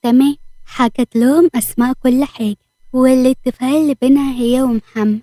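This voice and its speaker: A woman with an Egyptian accent narrating an audio story briskly and expressively. Her voice is a touch high, with a warm, mellow tone. The recording is dry and close. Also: fairly even intonation, dry recording.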